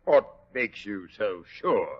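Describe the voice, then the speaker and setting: Blustering police inspector, gruff, scornful, raspy edge, muffled old radio drama. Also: male voice, lowish voice, big pitch swings, slow, full character voice. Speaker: actor in a detective radio drama. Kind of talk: 1940s radio acting. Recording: muffled 1940s radio recording.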